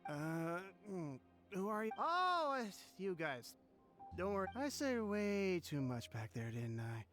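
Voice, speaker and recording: Tipsy chatty man, hushed and wary, evasive, slow, very animated pitch, video game, light music. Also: exaggerated voice. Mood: tipsy, rambling. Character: tipsy man, chatty, nervously secretive about his debts. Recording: music behind the voice.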